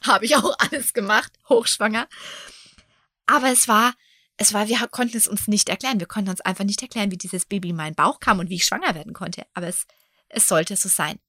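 Bright, chatty woman telling a story. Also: mid-range voice, brisk, dry recording, studio quality. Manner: chatty, drops into hushed near-whispers. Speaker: podcast host. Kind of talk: personal storytelling podcast.

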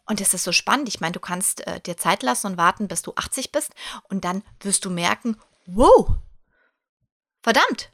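A woman in her forties hosts her own podcast with a mid-range voice. She talks straight to the listener in an animated, encouraging monologue. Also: mid-range voice, a little fast. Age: 40s. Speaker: podcast host. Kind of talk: personal motivational monologue.

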